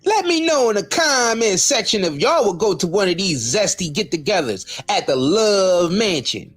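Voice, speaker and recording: A man's voice: sits high, sing-song, normal speed, a bit bright, husky. A man hosting a comedic commentary show, crude and mocking as he talks to viewers. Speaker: commentary channel host.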